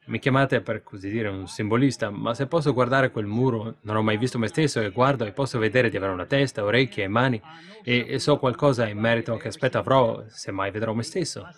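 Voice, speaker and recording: A man preaching a sermon and answering questions, emphatic and full of "see?" asides, building into excited storytelling. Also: mid-range voice, brisk.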